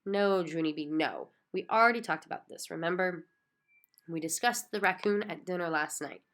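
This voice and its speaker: A woman's voice: on the low side, moderate pace, a bit bright. A woman doing a stern, tired mother. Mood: firm. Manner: firm, patient but tired.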